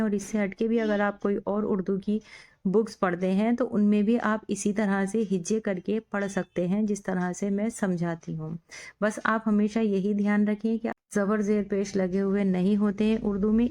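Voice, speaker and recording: A woman's voice: medium pitch, dark tone. A woman teaching Urdu reading, patiently spelling out each word letter by letter. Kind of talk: slow spelling-out lesson.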